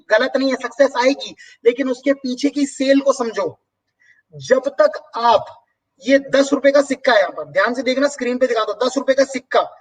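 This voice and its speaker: A man's voice: very high voice, slightly rough, distant mic, poor audio. Emphatic man giving a persuasive business talk. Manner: emphatic, persuasive, fires rhetorical questions. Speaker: host answering live viewer comments.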